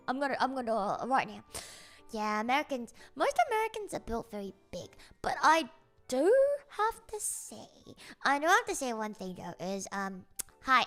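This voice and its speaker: Young woman streamer, bright bouncy voice, rambling and teasing, casual chat over faint music. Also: fairly high pitch.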